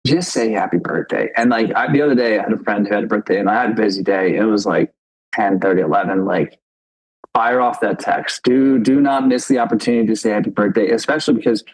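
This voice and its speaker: A thirty-year-old podcast co-host chats casually and rambles, using lots of filler words. His lowish voice is fast with a breathy edge, on a rough recording.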